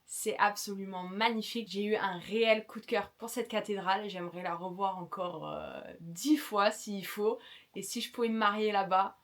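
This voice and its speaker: A woman's voice: mid-range voice, fairly even intonation, moderate pace. A young woman vlogger giving frank, chatty travel advice, full of enthusiasm and small fillers. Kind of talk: casual vlog advice.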